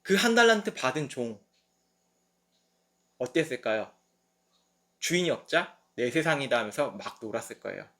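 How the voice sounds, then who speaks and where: A young man preaching at a midweek service, telling the story with lively, acted-out asides. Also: medium pitch, moderate pace, pauses often. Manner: lively storytelling that acts out quoted voices. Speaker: pastor.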